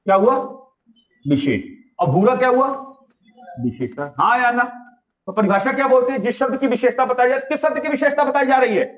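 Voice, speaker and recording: A man's voice: very high-pitched, lively intonation, fairly quick, long pauses. A male teacher giving a classroom lecture, quizzing his live students with repeated questions. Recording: dull lo-fi sound.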